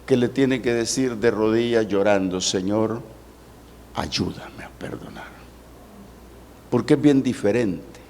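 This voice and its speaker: Lively-voiced preaching pastor. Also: male voice. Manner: preaching with dramatic pitch swings and slowed emphasis. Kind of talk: sermon. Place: church service.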